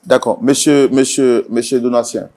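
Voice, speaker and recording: A man acting as the host and mediator, asking probing, formal questions and repeatedly urging calm. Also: mid-range voice, normal speed. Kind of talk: questioning mediation talk show.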